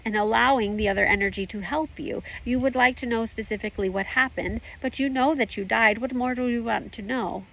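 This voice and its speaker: Woman channeling a calm spirit guide, seance medium delivery, creaky voice, stilted formal phrasing, instructive. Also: on the high side, fairly quick, hardly any pauses, rough recording. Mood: assured, guiding. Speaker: trance channeler at a group session. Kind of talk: trance channeling, spiritual guidance.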